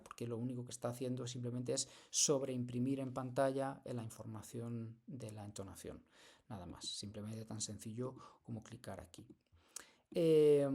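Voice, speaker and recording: A man lecturing in a screen-recorded software tutorial, explaining step by step with frequent hesitations and restarts. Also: medium pitch, gravelly.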